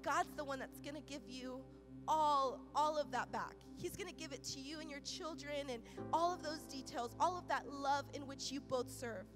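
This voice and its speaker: A woman pastor preaching a sermon with impassioned delivery, moving from loud urgent peaks to quiet soft passages and often repeating phrases. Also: high voice, normal speed, over music. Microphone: microphone.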